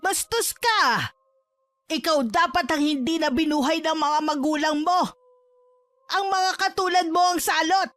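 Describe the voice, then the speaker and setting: A woman plays a fierce mother defending her child, scolding sharply in a raised, high voice. Faint music runs underneath the drama. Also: moderate pace, a bit bright, dry recording. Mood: furious. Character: fierce protective middle-aged mother. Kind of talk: audio drama acting.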